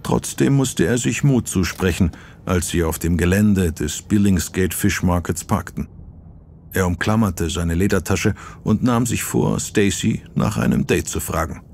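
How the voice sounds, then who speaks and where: A man with a low voice reads an audiobook in measured, dramatic narration. A faint hiss sits behind him. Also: creaky, a little mellow. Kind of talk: scripted narration.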